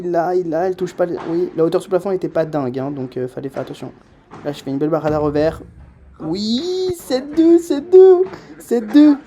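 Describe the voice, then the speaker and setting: Excitable self-mocking young man. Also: on the high side. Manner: self-mocking, excitable, swings from muttering to shouting. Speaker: padel player commenting his own match. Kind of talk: voice-over commentary on match footage.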